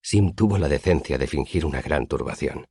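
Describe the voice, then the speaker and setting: A man narrating an audiobook in a measured storytelling manner. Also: a bass voice, vocal fry, warm tone, slightly rough, no echo, studio quality.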